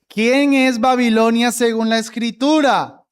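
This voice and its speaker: Male pastor preaching real slow, leans hard on key words. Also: very high-pitched, fairly even intonation, smooth. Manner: emphatic, stretches key words, repeats for emphasis. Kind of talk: sermon.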